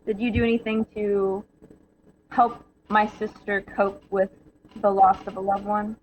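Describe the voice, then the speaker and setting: A woman speaking in character during a murder mystery party game over a voice call. She hesitates often and fills her pauses with ums. The audio is a little muffled, with faint noise behind her. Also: medium pitch, little pitch movement. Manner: hesitant, many ums, giggly.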